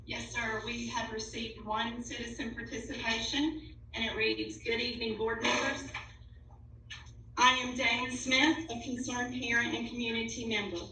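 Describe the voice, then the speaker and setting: A woman formally reads a written statement aloud as an official at a public board meeting. Her voice is a little high, bright and forceful, with a flat delivery at a moderate pace. The room is echoey, the mic is distant, and there is faint noise.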